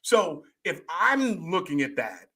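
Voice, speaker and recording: A man in his fifties, a life coach hosting a conversation, talking in a playful, animated way with sudden high excited bursts and mimicry. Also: slow, slightly rough. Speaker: life coach and show host.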